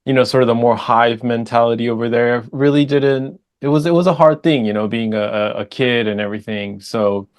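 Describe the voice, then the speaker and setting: A man's voice: mid-range voice, fairly quick, hardly any pauses. Easygoing male musician guest. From Japan and the United States. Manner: rambling, many restarts and fillers, laughs easily. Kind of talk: casual interview answers.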